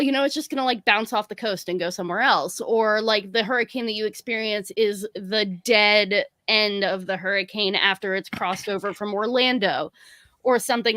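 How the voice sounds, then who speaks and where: A woman's voice: fairly high pitch, pushed and bright, no echo, clean studio sound. A woman born in New York and raised in the Tampa area, co-hosting a casual baseball chat and explaining things with many "you know" and "like" fillers. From born in New York City, raised in the Tampa area. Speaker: podcast co-host.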